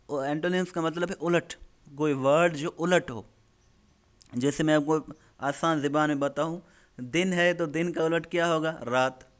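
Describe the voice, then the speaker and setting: Clear, slightly high-voiced male teacher. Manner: plain step-by-step explaining, slowing down on English examples. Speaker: English teacher. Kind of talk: explanatory lesson.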